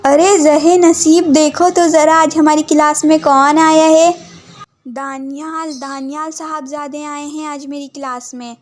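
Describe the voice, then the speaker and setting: Woman plays sarcastic stern male teacher, slow scolding, high voice. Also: flat delivery, a little mellow.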